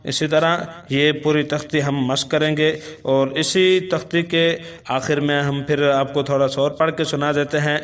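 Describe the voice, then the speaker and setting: A man with a Pakistani accent teaching Quran reading, spelling out syllables slowly in a chanting tone. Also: on the high side, flat delivery, a bit bright.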